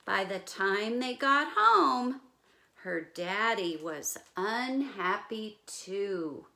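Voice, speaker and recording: With vocal fry and drawn-out words, a woman of medium pitch reads a picture book to young children the way a teacher would. She keeps it careful and expressive, adding explanatory asides and gentle questions to the listeners.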